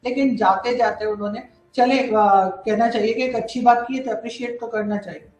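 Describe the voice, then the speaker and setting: A woman journalist making a measured, earnest case in a political talk show discussion. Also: a little high, fairly even intonation, a little mellow, echoey room, far from the mic, poor audio. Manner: earnest, measured argument with fillers.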